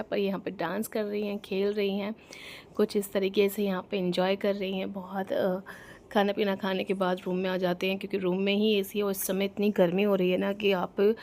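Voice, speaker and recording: A woman's voice: medium pitch, mellow, slight background noise. A young woman chatting casually at home into her phone's front camera, teasing playfully about her toddler. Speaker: vlogger. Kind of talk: casual home vlog narration. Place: home bedroom.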